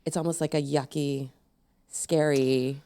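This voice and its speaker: Low, mellow-voiced woman podcast host. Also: fairly even intonation, measured pace, smooth. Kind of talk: podcast interview.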